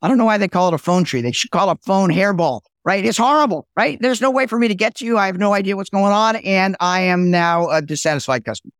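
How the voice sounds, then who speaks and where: High-voiced animated man telling stories. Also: fast, few pauses, clean tone, no echo, studio quality. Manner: animated storyteller, lively and talkative. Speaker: podcast guest, sales executive. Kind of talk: casual interview chat with storytelling.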